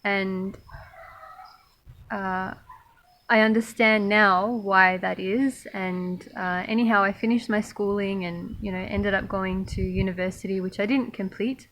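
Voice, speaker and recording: A woman raised in Australia, talking thoughtfully to camera about her spiritual path, pausing often with fillers. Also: medium pitch, fairly even intonation, a bit bright, low-quality recording. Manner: slow, thoughtful, many pauses and fillers. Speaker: spiritual monastic vlogger. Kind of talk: reflective personal talk to camera.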